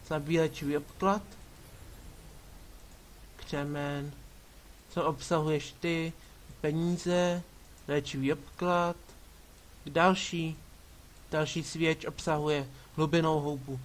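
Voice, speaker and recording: A man's voice: fairly high pitch, flat delivery, pauses often, slight background noise. A man giving casual commentary while playing a game, bossing his party members around with sarcastic asides. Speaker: let's play gamer. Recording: game music behind voice. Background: game music.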